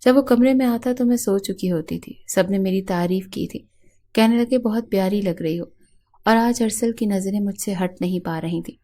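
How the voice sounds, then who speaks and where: A woman narrating a romance novel in the first person, with steady, measured storytelling. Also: mid-range voice. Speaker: audiobook narrator.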